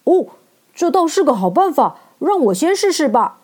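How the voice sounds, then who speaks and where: A woman voicing a clever, calm male scarecrow who speaks briskly and eagerly in a storybook reading. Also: fairly high pitch.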